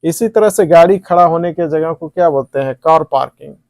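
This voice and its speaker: A man's voice: fairly high pitch, brisk, darkish tone, no room sound, studio quality. A man teaching English vocabulary at a board, asking questions and answering them himself. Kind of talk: classroom lesson at a board.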